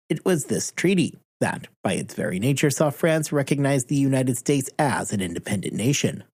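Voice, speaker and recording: A man hosting a history podcast, reading a scripted narration with deliberate emphasis and a husky voice. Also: mid-range voice, a little mellow.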